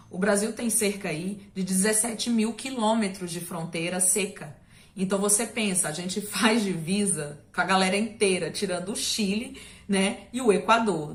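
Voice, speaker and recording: A woman's voice: mid-range voice, fairly bright tone. A woman from Brazil teaching a recorded history lesson in a chatty, conversational way, checking in with students often and slipping in small jokes. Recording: echoey room.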